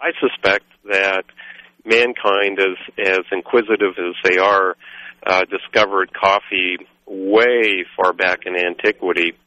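A very low-pitched man from Guatemala talks in a halting, rambling way full of fillers. His tone is forceful and bright. The dry, dull radio recording has a lo-fi edge. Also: steady tone. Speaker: coffee roaster, guest. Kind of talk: radio interview.

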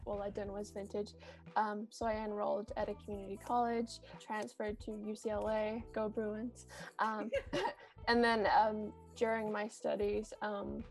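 A woman's voice: medium pitch, vocal fry, darkish tone. A woman in her thirties from New Zealand with a Kiwi accent, a shop owner chatting as an interview guest with lots of ums and little laughs. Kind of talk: casual interview.

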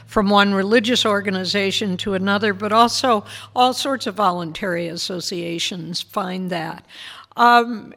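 An older woman minister answering interview questions in a measured, thoughtful way, explaining things patiently. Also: medium pitch, fairly bright tone.

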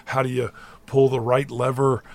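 A middle-aged college basketball head coach answers interview questions in a thoughtful, measured way, often restarting his sentences. His mid-range voice is level in tone and creaky.

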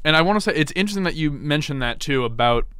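A man's voice: fairly high pitch, animated, very fast, sharp tone, clean tone, no echo. A man in his twenties hosting a college radio interview in a rambling, playful, casual style with mock-dramatic asides. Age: 20s. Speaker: college radio show host.

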